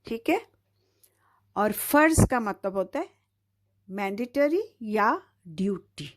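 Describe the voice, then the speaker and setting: Slow, patient woman teaching phonics. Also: medium pitch, animated. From Pakistan. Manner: slow, patient, drawn-out syllables with repeated checks of "theek hai". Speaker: Urdu teacher. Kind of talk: phonics lesson for children.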